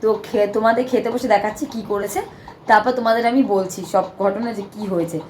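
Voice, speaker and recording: A young woman with a hoarse voice, chatting to her viewers in a rambling vlog. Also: mid-range voice, steady tone, fast, darkish tone, a little hiss or hum. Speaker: vlogger. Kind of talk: casual vlog narration to camera.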